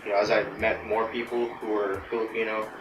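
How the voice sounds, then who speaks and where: An American man speaks casually in a personal interview, rambling and using frequent "right?" and fillers. His voice is on the low side, flat in delivery and brisk, and a distant mic picks him up in a noisy, echoey room.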